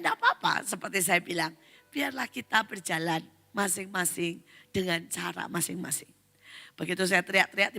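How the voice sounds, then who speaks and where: Animated woman pastor, gravelly and bright. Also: medium pitch. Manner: animated storytelling, addresses congregation as saudara. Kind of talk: sermon with personal story. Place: large church hall. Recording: long hall reverb with faint music.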